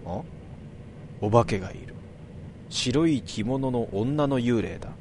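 A man reads a story aloud in a relaxed, chatty way, with a middle-pitched voice. He breaks off to comment as he goes. Steady vehicle noise sits behind him. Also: slow pace. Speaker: story reader. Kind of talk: casual reading aloud with asides.

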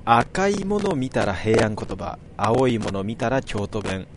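A man's voice: on the low side, sing-song, moderate pace. A man reading aloud, voicing an eager, good-natured young friend, with vehicle noise behind. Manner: eager, lifted voice; mock-refined Kyoto lady tone when teasing.

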